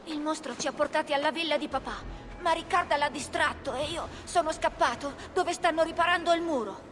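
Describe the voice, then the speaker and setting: A woman's voice: high voice, fairly quick, noisy background, close to an everyday voice. A woman voicing a frightened young child on the run in a video game dub. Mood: frightened, urgent. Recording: loud game music behind the voice.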